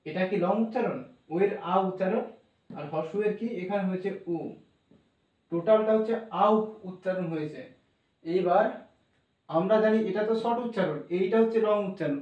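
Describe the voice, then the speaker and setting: A man's voice: sits high, darkish tone. A man teaching English spelling and pronunciation, spelling words out letter by letter and repeating key points as he goes. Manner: repeats phrases, pauses to check spellings. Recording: roomy echo, mic some distance away.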